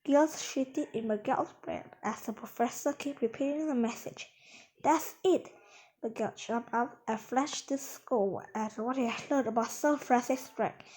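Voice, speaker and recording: A woman reading a children's adventure book aloud in a lively way. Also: fairly high pitch, rough recording. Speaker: storyteller.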